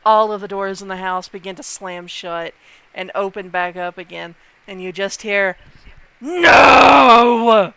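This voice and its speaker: Man, dungeon master, slow narration, bright, gravelly edge. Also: sits high, level tone, dry recording. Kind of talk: narrating a tabletop game.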